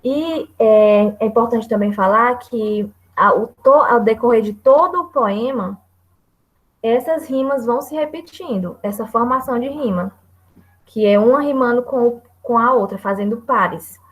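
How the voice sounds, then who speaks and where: A woman's voice: a little high, measured pace, low-quality recording. A woman with a Brazilian Portuguese accent giving a hesitant classroom presentation on poetry, full of fillers and restarts. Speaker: student presenter.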